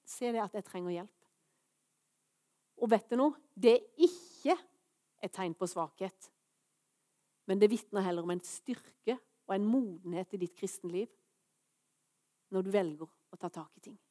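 A woman's voice: mid-range voice, pauses often, warm tone. A woman preaching a sermon to her congregation, earnest and rising to fervent proclamation.

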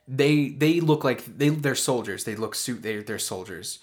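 A man's voice: mid-range voice, lively intonation, unhurried. A man narrating a tabletop role-playing game as game master, describing scenes with many fillers and restarts.

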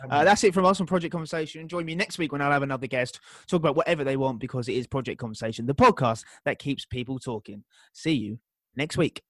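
A man hosting a podcast in a relaxed, teasing way, asking quiz questions. His voice is mid-pitched. The sound is dry and close to the mic. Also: fast talker, no echo. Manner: friendly, teasing. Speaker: podcast host. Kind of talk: casual quiz chat.

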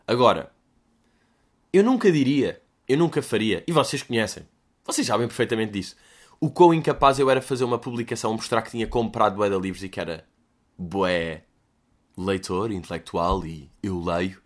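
A man's voice: on the low side, brisk. A young man with a European Portuguese accent, hosting a podcast and chatting casually in a jokey, self-mocking way, with mock-dramatic asides. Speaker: podcast host. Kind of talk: casual solo chat answering listener questions.

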